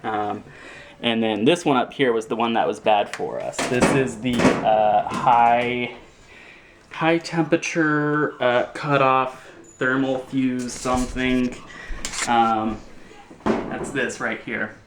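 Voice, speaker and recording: A man's voice: mid-range voice, steady tone, slow, background noise. A man casually explaining how he fixed his dryer, hesitant and full of fillers, at home by the machine. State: out of breath. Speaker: homeowner showing a repair. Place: home laundry area, indoors.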